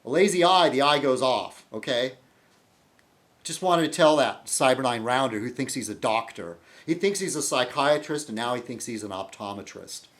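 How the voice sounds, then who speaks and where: A man's voice: medium pitch, expressive, moderate pace, a bit bright. A man hosting a casual video blog monologue, rambling and breaking off mid-sentence while he answers his commenters. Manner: rambling, self-interrupting, addresses commenters. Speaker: video blogger host.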